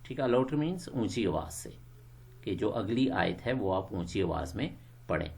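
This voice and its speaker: A man teaches English phrases to Quran teachers, explaining quickly but slowing down to model each phrase clearly. His voice is lowish, expressive and somewhat dark.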